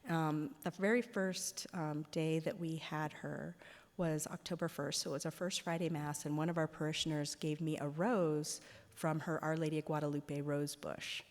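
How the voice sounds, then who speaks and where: A woman gives a casual talk in a church and tells her stories with plenty of "like" and "um." Her voice sits fairly low, and a long reverb from the big hall trails after each phrase. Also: steady tone, moderate pace. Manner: chatty, with many "like" and "um" fillers. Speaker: guest speaker at a parish.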